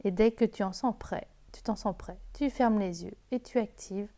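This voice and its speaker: A woman with a mellow, relaxed voice talks the listener through how to settle in for a relaxation session. She speaks informally and directly, as a guide, at a middle pitch. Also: normal speed. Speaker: sophrology guide. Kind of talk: informal spoken instruction to the listener.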